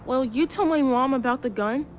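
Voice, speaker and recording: A woman's voice: high voice, moderate pace, slight background noise, natural voice. A woman voicing a defiant teenage boy in a video game, talking in a sulky, stubborn way. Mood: unsure.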